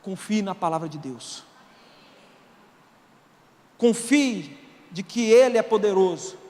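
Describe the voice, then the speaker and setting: A Brazilian man preaching a sermon as pastor, animated and colloquial, swinging from soft asides to shouts. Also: high-pitched. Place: church auditorium. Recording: long reverb of a large hall.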